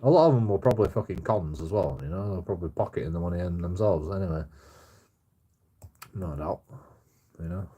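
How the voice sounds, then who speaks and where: A man's voice: low-pitched, fairly quick, long pauses, dark tone, breathy edge. A man in his forties with a Bradford accent, ranting casually on a livestream in a blunt, sweary, repetitive way. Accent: Bradford, West Yorkshire. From Bradford, England. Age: 40s. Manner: blunt, sweary, repetitive, often tagging sentences with "you know". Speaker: livestream host. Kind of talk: casual opinionated livestream rant.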